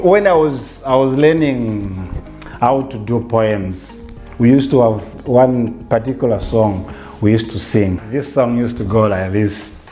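This Zambian man, a theatre facilitator in his forties, has a voice on the low side. Sitting in a bright living room for a relaxed interview, he talks thoughtfully, restarting sentences and using "you know."

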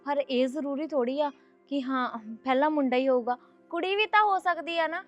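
An actress playing a patient young daughter-in-law who talks gently and reasonably, with a Punjabi accent. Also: female voice, high-pitched, brisk, lo-fi sound, soft background music, lightly acted. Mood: reasoning.

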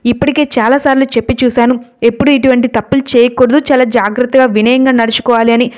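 A woman's voice: fairly high pitch, fairly even intonation, quick pace, dull audio, natural voice. A woman voicing a strict, anxious mother who scolds. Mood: stern.

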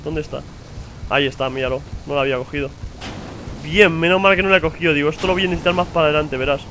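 A man's voice: a little high, rapid-fire, sharp tone, a little hiss or hum. A young man with a Spain Spanish accent commenting on his gameplay, swearing in frustrated outbursts and muttering to himself. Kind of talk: let's play commentary.

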